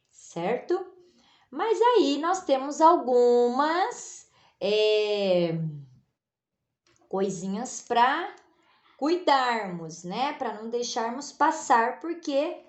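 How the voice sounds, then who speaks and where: Slow, patient teacher in an echoey room. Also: female voice, fairly high pitch. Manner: slow, patient, stretches words out for emphasis. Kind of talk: children's spelling lesson.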